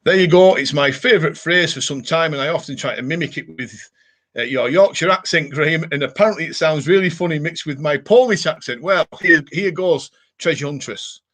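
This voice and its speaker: Hosting a live show with his Cumbrian accent, a man from Cumbria, England, talks a little fast in a voice on the high side with a fairly bright tone. He chats loosely, wanders from topic to topic while replying to viewers, and keeps returning to his catchphrases.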